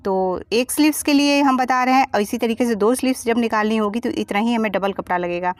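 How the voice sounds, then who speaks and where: A woman walks through a sewing lesson in a voice-over, patient and explanatory as she talks through each mark and cut. Her voice sits a little high, and the close, dry recording has no room sound around it. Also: fast, dry recording. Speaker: sewing teacher. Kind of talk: step-by-step tutorial voice-over.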